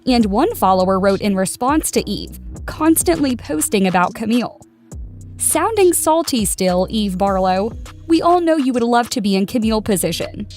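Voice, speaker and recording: A woman narrating a celebrity news story in a scripted, measured read. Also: a little high, animated, a little mellow. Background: music.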